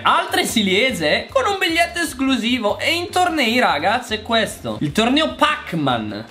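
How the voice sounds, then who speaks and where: A man's voice: high voice, bright, forceful tone. A man with an Italian accent giving casual gameplay commentary, chatty and exasperated, talking straight to his viewers. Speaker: gaming YouTuber.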